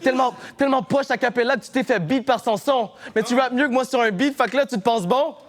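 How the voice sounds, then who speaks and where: A man with a Québécois French accent battle rapping a cappella, taunting his opponent and shouting his punchlines. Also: very high voice, fast. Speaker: battle rapper. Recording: noisy live battle recording.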